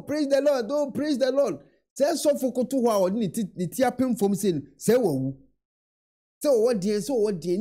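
A man's voice: high voice, mellow. A young Ghanaian man in a small room, earnestly commenting on a video into a webcam and mixing in English words. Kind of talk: reaction commentary.

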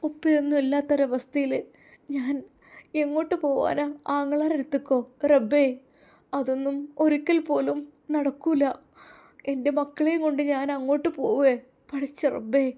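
A woman's voice: sits high, flat delivery, moderate pace, mellow, voice pushed up. A woman voicing a grieving devout young mother who pleads and sobs in prayer. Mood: tearful pleading.

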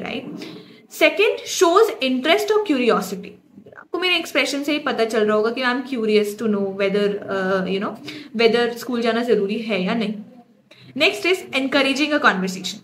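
A woman teaching a grammar lesson in Hindi, reading example sentences slowly and explaining them. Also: a little high, slight background noise. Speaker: English teacher.

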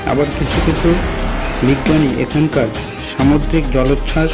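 A man hosting a video channel, narrating a scripted explainer in a steady, informative way. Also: fairly high pitch, normal speed, over loud music, rough recording. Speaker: channel host explaining a mystery.

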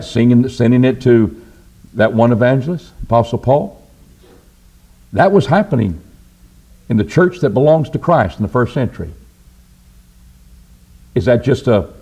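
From a wooden pulpit in a church auditorium, an older man with a husky voice delivers a lively sermon into a stand-mounted microphone. He poses rhetorical questions and answers them himself, letting his pitch rise and drop for emphasis.

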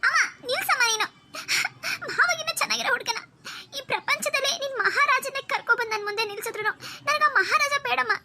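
A stubborn, lovesick cartoon girl whines and pleads in a very high, piercing voice, as a woman puts her on. She rushes her words and sounds bright and sharp. She is spoiled and insistent. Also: a little hiss or hum, full character voice. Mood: tearful. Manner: whiny, sobbing, insistent. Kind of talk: cartoon voice acting.

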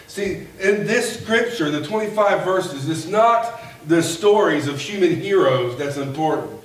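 A man in his forties preaching a sermon from a pulpit in a folksy, animated way that builds to a shout. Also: on the high side, measured pace. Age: 40s. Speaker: pastor. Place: church sanctuary, at a pulpit. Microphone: far camera at the back of the room. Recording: echoey church from far off, faint hiss.

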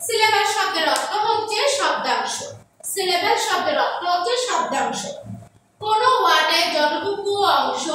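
Bangladeshi lady teacher going over grammar definitions again and again, bright voice, a bit far from the mic. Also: very high voice. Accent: Bangladeshi Bengali. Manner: repeats each definition slowly for dictation. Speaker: primary school English teacher. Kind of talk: online lesson with repeated definitions. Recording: echoey room, mic at a distance, faint background noise.

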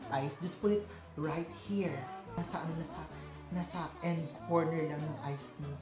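A man's voice: fairly high pitch, moderate pace. A tipsy young Filipino man with a Filipino accent giving a casual makeup tutorial that mixes English and Tagalog. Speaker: makeup artist and vlog host. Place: small indoor room, seated at a table. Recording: echoey room with music behind.

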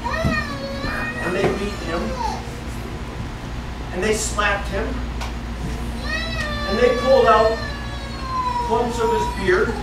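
A middle-aged man from the northeastern United States teaching a Bible lesson to children, telling the story and asking them questions as he moves about a church classroom. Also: very high voice. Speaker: children's Sunday school teacher. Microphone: far camera. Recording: echoey room from far off with noisy background.

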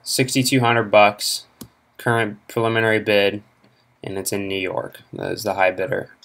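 A man's voice: on the low side, level tone, normal speed, fairly bright tone. A young man casually talking through car auction listings at home, rambling with lots of fillers, recorded on a laptop's built-in mic. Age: young adult. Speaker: car vlogger. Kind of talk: casual screen-recorded commentary. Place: home room, indoors. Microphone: laptop internal mic.

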